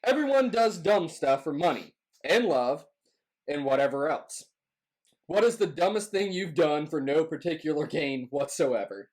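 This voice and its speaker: A man's voice: fairly high pitch, lively intonation, moderate pace, darkish tone, rough recording. A man hosting a casual challenge vlog, talking informally and repeating phrases for emphasis. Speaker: host of a hot wings challenge.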